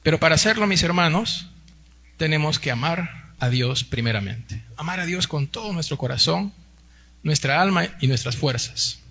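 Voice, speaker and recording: A man's voice: fairly high pitch, animated, normal speed, pushed and bright. A Peruvian man in his forties preaching a Sunday sermon, often tagging his sentences with little questions and calling the congregation brothers. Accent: Peruvian Spanish. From Peru. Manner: peppers speech with tag questions, addresses the congregation as brothers. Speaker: pastor.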